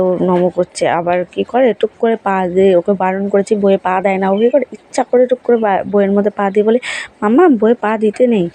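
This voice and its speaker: A young woman chats her way through a home vlog. She rambles along with fillers and restarts in a mellow, dark-toned voice. Faint household noise sits behind her. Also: medium pitch, poor audio. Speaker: vlogger, housewife. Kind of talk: casual vlog voice-over narration.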